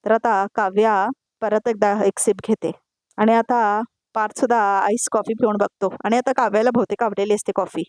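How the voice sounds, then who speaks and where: A woman's voice: medium pitch, fairly even intonation, a little mellow, dry recording. A woman narrating a TV serial episode recap as a voice-over, tagging each line of dialogue and addressing the viewers. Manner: quick, repetitive dialogue tags, addresses viewers.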